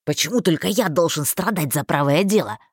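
Female narrator as an easily outraged young man, loud, slightly husky, dry read. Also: deep voice, animated, fairly quick, dry recording, full character voice. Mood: indignant. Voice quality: shouting, indignant. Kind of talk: audiobook character voicing.

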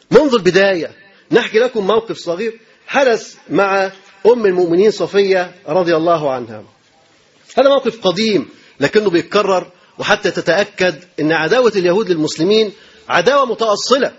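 A male preacher with an Egyptian accent delivers his sermon at a quick clip, his voice pitched high. He stacks up rhetorical questions and hammers phrases twice, and there is a husky edge to his voice. The recording sounds dull and lo-fi. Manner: emphatic, rapid rhetorical questions and repeated phrases.

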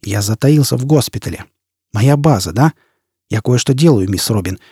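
A man doing growling vengeful scarred man, curt threats, dark husky voice. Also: medium pitch, lively intonation, moderate pace, no echo, clean studio sound. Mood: obsessed, fierce.

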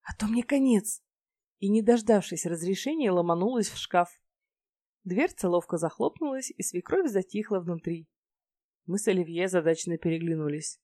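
Low, mellow woman narrating a story. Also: animated, normal speed, no room sound. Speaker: audiobook narrator. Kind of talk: scripted first-person narration.

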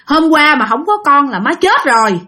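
A woman's voice: high-pitched, big pitch swings, normal speed, sharp tone, voice pushed up, exaggerated voice. A woman voicing the ghost of a dead young man who speaks through his mother's body, pleading and urgent. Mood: urgent, earnest. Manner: pleading, urgent, gasping for air.

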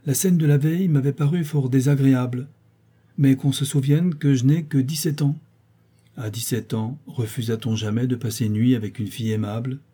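Guy reading an old novel aloud, steady and expressive, deep mellow sound, bit husky. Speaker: audiobook narrator. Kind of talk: literary audiobook narration.

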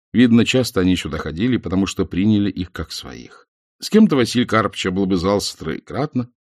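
A man narrating an audiobook with expressive storytelling. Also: sits low, husky, no room sound, clean studio sound.

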